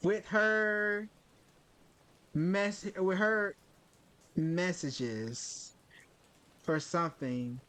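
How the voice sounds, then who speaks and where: A man giving casual commentary on a story game, reacting loudly and with slang. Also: drawn-out words, pauses often. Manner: loud slangy reactions, jumps up in pitch when outraged. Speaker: gaming video creator. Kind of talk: casual let's-play commentary.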